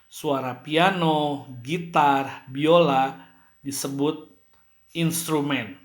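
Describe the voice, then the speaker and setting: A man teaching a school music lesson, explaining slowly and clearly, now and then acting out the sounds he describes. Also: on the high side, a bit bright, reverberant. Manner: slow, clear explaining with playful sound demonstrations.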